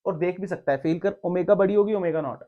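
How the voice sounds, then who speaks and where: A man tutoring physics at a board, coaxing and teasing his student and checking again and again that it is clear. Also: sits high, fast. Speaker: physics teacher. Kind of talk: blackboard tutoring session. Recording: dull lo-fi recording.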